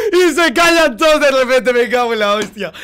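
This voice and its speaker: A young man with a Spain Spanish accent, reacting loudly to gaming clips, swearing and exclaiming often. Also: very high-pitched, very animated, moderate pace. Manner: loud outbursts, swearing, exclamatory. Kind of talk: excited gaming commentary.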